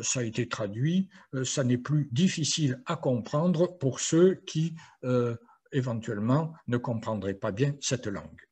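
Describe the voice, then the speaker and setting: A man's voice: mid-range voice, a little mellow, slightly rough. An older man, a retired professor, giving a playful university lecture with frequent hesitations.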